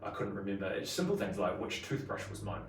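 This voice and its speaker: A man's voice: deep voice, animated, fast talker. A man in his forties with a broad New Zealand accent, chatting casually in a slangy, colloquial way as an interview guest. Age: 40s. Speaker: podcast guest. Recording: roomy echo, distant mic, faint noise.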